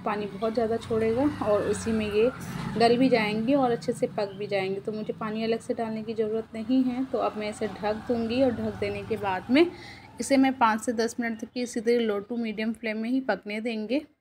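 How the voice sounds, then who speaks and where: A woman hosting a cooking channel, calmly explaining each step of a home recipe to viewers as she cooks. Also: mid-range voice. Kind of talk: casual cooking voice-over. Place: home kitchen.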